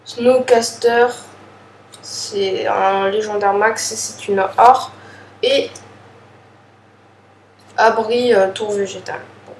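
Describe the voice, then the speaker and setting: A woman's voice: mid-range voice, fairly even intonation, takes it slowly, long pauses, slight background noise. A woman casually commenting as she opens trading card packs, hesitant and apologetic, with many fillers. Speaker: card pack opener. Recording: distant echoey room with faint ambience.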